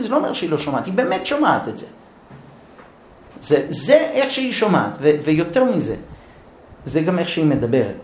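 A middle-aged man giving a humorous lesson on marriage, acting out couples' quarrels in a shrill wife's voice. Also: a little hiss or hum. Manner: acts out quarrels in a high whiny wife voice. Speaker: lecturer on marriage. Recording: echoey room.

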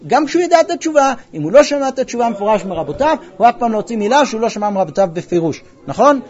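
High-voiced man teaching Talmud. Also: highs cut off. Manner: lively, retells stories with quoted dialogue, quizzes students. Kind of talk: classroom lesson with storytelling.

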